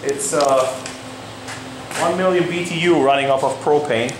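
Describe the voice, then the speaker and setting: A man's voice: on the high side, moderate pace, noisy background. A man in his thirties explaining a weld repair in casual, plainspoken terms, recorded in an indoor metal workshop on a camera mic. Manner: plainspoken, matter-of-fact, mildly profane. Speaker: welder demonstrating a repair. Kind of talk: casual shop instruction. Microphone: camera mic on a handheld camera.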